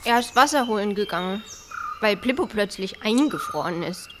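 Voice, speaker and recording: A woman's voice: mid-range voice, lively intonation, moderate pace, natural voice. A woman voicing a cheerful little village boy who talks in a playful, eager way. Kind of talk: audio drama acting. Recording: noisy background.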